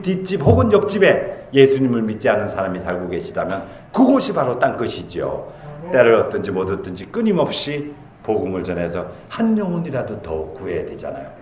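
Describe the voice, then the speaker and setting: A man's voice: mid-range voice, echoey room. A man, a pastor, preaching a sermon with passion, acting out the voices in his stories. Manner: impassioned storytelling preacher, acts out dialogue. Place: church sanctuary.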